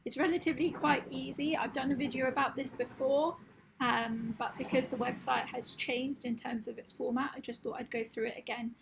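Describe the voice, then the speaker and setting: A woman's voice: high-pitched, steady tone, a little fast, background noise. A woman losing her voice, explaining step by step in a screen-recorded website tutorial. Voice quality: husky, gravelly.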